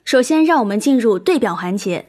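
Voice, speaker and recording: A woman's voice: a little high, expressive, fairly quick, darkish tone. A woman playing an eager TV co-host who feeds chirpy questions, in an audio drama. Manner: chirpy, asks prompting questions.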